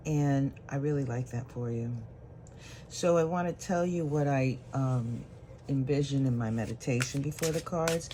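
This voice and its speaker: In a mellow mid-range voice, a tarot reader gives a solo reading to the viewer, drawing cards and talking through impressions at a leisurely pace. Slight background noise can be heard.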